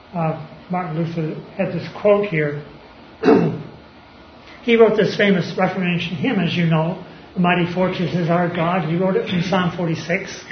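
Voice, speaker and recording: Male preacher, high voice, informal Bible talk with fillers and throat clearing; roomy, slightly muffled recording. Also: steady tone, unhurried, long pauses, a little hiss or hum.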